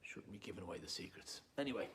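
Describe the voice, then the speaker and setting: In a low, animated voice and at a quick clip, this Dublin-accented poet and performer from Dublin, Ireland, gives a rambling introduction to camera. He chats casually and pokes fun at himself. Background noise is clear, and the room echoes.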